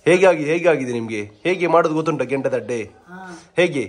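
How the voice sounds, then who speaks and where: A young man, teasing his family with rapid questions in a playful vlog chat. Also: on the high side. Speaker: vlogger interviewing family members.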